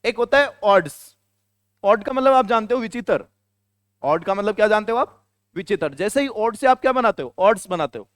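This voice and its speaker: A man teaches a classroom lesson in a high, crisp voice. He keeps quizzing his students and repeating the answers. The sound is close and dry, with no room echo. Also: expressive, normal speed, fairly bright tone. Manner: questions the students and answers himself, repeating key words. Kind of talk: classroom lecture.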